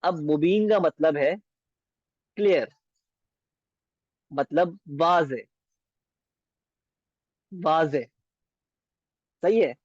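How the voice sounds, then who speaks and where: A man teaching beginner Arabic in a patient lesson, repeating words slowly and often asking if it is clear. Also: fairly high pitch, darkish tone, no room sound, lo-fi sound.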